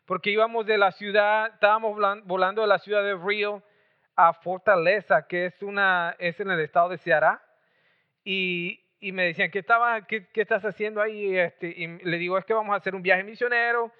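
A man's voice: sits high, steady tone, brisk, clean tone. A man born in Mexico, preaching and telling a story with lots of chatty restarts. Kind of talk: storytelling sermon. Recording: tinny phone-like sound.

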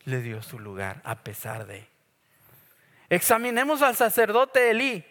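A man preaching a sermon in a lively, joking way, with playful acted asides. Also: high voice, measured pace. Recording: long echo of a church hall.

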